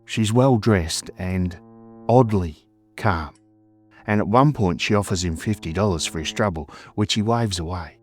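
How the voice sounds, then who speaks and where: A man with an Australian accent narrating a scripted mystery story as a podcast host, in a measured, dramatic way. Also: low voice, soft background music.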